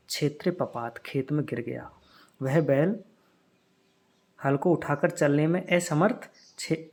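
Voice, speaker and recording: A man's voice: fairly high pitch, a little mellow. Man explaining a lesson word by word. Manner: reads a phrase, then explains its meaning word by word. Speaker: teacher.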